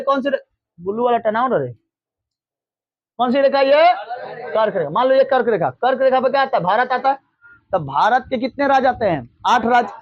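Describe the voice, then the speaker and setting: A man with a strikingly high voice teaches a class, repeating each point and quizzing the room. The recording is dry and a little muffled. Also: no room sound. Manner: repetitive, drilling questions, mimics regional speech. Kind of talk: classroom lecture with call-and-response.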